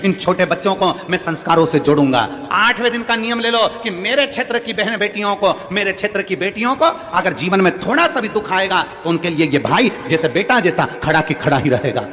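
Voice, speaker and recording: A man's voice: high-pitched, bright, forceful tone. A man preaching a devotional sermon, exhorting listeners through a repeated list of vows. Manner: repetitive, exhorting lists of vows. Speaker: religious preacher. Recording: reverberant hall with music behind.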